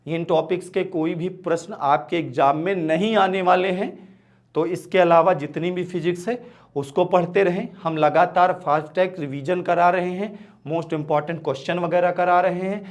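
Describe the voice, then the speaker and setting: A man teaches an exam-prep physics lesson. He talks straight to his students, firm and familiar, and keeps checking that they follow. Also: high voice. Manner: direct, repeats "ठीक है" and calls students "बेटा".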